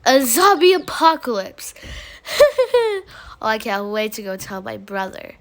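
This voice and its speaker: A woman's voice: mid-range voice, level tone, a little slow, vocal fry, a bit bright, slight background noise, pitched below the performer's own voice. A young woman voicing a polite woman neighbor who scoffs at talk of zombies in a toy role-play. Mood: amused.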